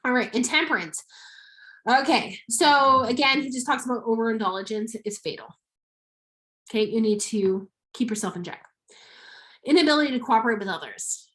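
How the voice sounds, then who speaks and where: A woman's voice: on the high side, animated, moderate pace, fairly bright tone. Emphatic woman coaching with repeated checks. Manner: emphatic, repeats "okay?", acts out sample messages. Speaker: network marketing coach. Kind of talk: casual motivational talk to camera.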